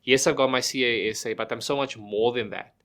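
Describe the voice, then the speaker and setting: This is a middle-aged man from South Africa, a guest on a podcast, with a medium-pitched, gravelly voice that is brisk, slightly bright and steady in tone. Speaking casually, he leans on everyday examples, restarts his phrases and poses rhetorical questions.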